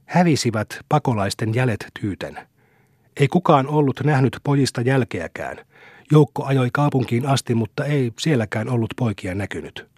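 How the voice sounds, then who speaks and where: A man narrating a classic novel in a steady, measured storytelling manner. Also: mid-range voice, no room sound, clean studio sound. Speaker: audiobook reader.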